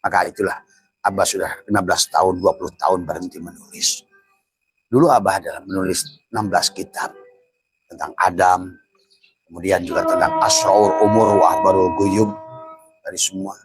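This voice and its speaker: A man's voice: deep voice, steady tone, normal speed, pauses often, soft background music, rough recording. An older man giving a spiritual teaching, chuckling often and dropping into whispered asides. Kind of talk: Sufi religious teaching.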